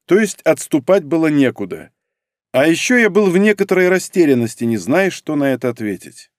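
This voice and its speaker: A man narrating a first-person novel in an expressive, wry manner. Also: a little high, dry recording, clean studio sound. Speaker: audiobook narrator.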